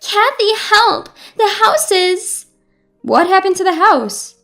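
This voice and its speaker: A woman's voice: very high-pitched, sing-song, normal speed, fairly bright tone, faint music behind, voice pushed up, exaggerated voice. A woman voicing a frantic, panicked younger sister in a storybook reading. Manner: frantic, pleading.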